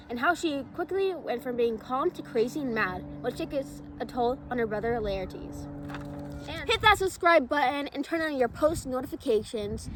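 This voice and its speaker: A woman with a high, bright voice hosts a scripted student vlog. She presents to the viewers over faint background noise. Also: rough recording. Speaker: vlog host.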